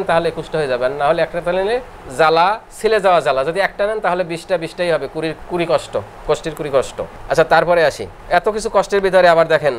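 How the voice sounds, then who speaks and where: A middle-aged man from Bangladesh giving a classroom lecture, explaining points over and over and reciting verses slowly in a sing-song way. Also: fairly high pitch, a little hiss or hum. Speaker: homeopathy lecturer.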